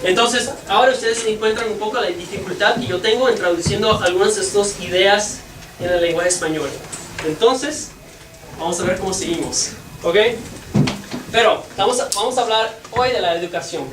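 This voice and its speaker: Noisy and echoey, with a faraway mic, this recording captures a bilingual lesson. The teacher speaks in a medium pitch, is a native English speaker, and halts while searching for words to translate.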